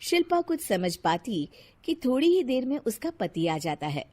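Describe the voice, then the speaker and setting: A woman narrating an animated cartoon story in a lively, expressive way. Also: mid-range voice, unhurried.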